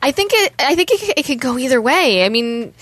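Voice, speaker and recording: A woman's voice: high-pitched, sing-song, a little fast, fairly bright tone, no echo. A woman co-hosting a casual podcast chat, playful and giggly. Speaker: podcast co-host.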